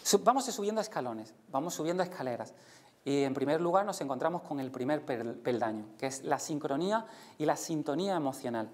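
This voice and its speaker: Speaking a little fast, a man with a Spain Spanish accent teaches a live conference audience in a lecture room. He's animated, swinging his pitch up and down in big leaps to act out the voices and emotions he's describing.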